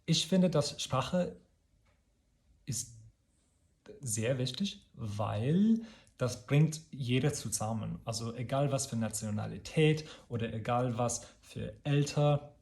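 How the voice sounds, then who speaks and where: A man from the United States, a native English speaker, talks casually to his channel in halting non-native German with an American accent, often correcting himself as he searches for words. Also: mid-range voice, expressive, gravelly, a little mellow. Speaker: video channel host. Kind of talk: casual personal vlog monologue.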